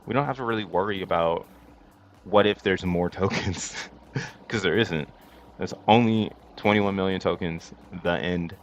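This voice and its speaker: A deep-voiced man talks like a crypto bro, pitching coins to a live chat in loose slang with bold, drawn-out emphasis. The sound is dull and lo-fi, with faint noise behind him. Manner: crypto bro hype talk, slangy and boastful. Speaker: livestream host.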